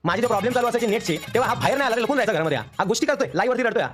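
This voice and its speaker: A man's voice: very high voice, expressive, a bit bright, soft background music. A young man, venting on a live stream in an emotional, aggrieved rush. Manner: emotional, aggrieved, rapid storytelling. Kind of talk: heated live-stream rant.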